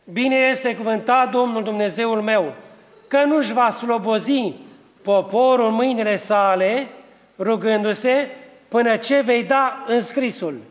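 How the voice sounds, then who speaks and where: A man's voice: extremely high pitch, long reverb tail. A man reading a stern old holy bishop. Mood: solemn rebuke. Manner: solemn preaching cadence.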